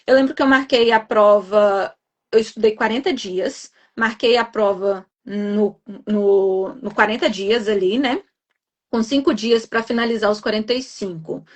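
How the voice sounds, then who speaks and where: A woman nurse, a guest in a live chat, recounting a personal story in an animated, emphatic way. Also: mid-range voice, a little slow.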